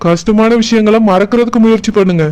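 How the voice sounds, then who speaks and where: A gentle, confused young man who has lost his memory, voiced by a man in a cartoon. His voice is high and smooth, with a Kanyakumari Tamil accent, and he muses softly aloud. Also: brisk, natural voice. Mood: pleading. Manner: soft, pleading, musing aloud. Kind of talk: cartoon voice acting.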